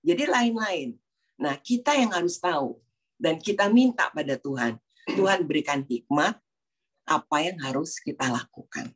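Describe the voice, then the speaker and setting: A middle-aged woman speaking to a prayer fellowship in a fairly low voice. She tells stories from her own family life and slips into the voices of the people and prayers she quotes. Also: lively intonation, moderate pace, husky. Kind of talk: faith talk with personal stories.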